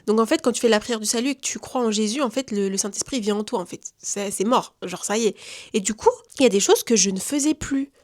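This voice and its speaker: Chatty young French woman, lively storytelling. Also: a little high, fast talker. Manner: chatty, lively slang, acts out quotes. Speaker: vlogger giving testimony. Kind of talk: casual storytelling.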